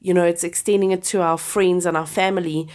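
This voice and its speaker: A woman's voice: lowish voice, steady tone, brisk, darkish tone. A woman co-hosting a casual faith chat, enthusiastic and laughing often, her voice a little stuffy from a cold. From Southern Hemisphere. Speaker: podcast co-host.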